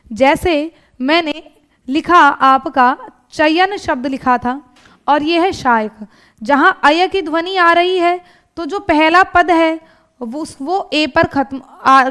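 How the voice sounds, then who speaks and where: High-voiced woman teaching grammar. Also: bright, forceful tone. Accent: Hindi, North Indian. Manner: explains step by step, asking rhetorical questions; often adds checking tags like "thik hai" and "hai na". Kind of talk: exam-prep grammar lesson.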